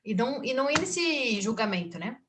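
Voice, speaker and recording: Bright-voiced woman, chatty. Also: on the high side, sing-song, brisk, slight background noise. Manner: chatty, acts out her own inner voice. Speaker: book circle host and teacher. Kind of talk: casual group discussion.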